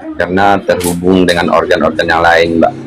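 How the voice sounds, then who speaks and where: A man's voice: sits low, monotone, moderate pace, a crowd in the background. A man in his forties giving casual, joking replies in a live online debate. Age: 40s. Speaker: debate participant.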